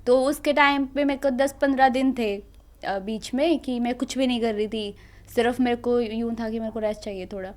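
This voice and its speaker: Young woman, high voice, lively storyteller, interview guest. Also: normal speed. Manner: animated, laughing storyteller who acts out family dialogue. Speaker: student guest.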